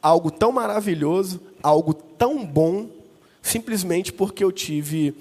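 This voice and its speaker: Animated male pastor, high lively voice. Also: measured pace. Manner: animated, acts out dialogue with voices. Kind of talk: sermon with storytelling. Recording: long reverb.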